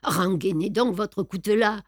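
A woman's voice: mid-range voice, unhurried, no echo, studio quality, close to an everyday voice. A woman voicing a blunt, exasperated male sea captain in a storybook reading. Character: gruff blunt southern sea captain, man.

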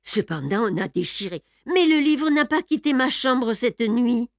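A woman's voice: fairly high pitch, very animated, measured pace, no echo, clean studio sound, voice pushed up. A woman reading a sorrowful young lady. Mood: puzzled. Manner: puzzled, hesitant. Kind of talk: audiobook character reading.

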